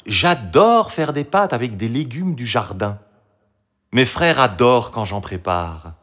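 Storybook princess girl, sweet and eager, high and lively, put on by a man. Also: measured pace. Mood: eager, bright. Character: young princess girl, cheerful and kind.

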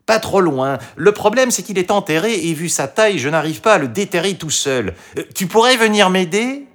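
A man plays a sly but helpful fox from a storybook, lively and persuasive. The voice sits well above his own and bounces around. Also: sits high, normal speed, voice pushed up. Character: clever helpful male fox, sly and warm.

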